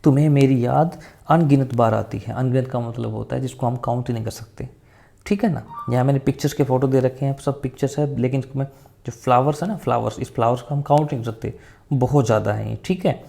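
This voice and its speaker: A man teaches vocabulary in a relaxed, steady way, with a gravelly edge in a dark, mellow voice. He says each new word several times in a row and checks in with listeners after almost every point. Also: mid-range voice, fast talker. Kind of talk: Hindi vocabulary lesson with memory tricks.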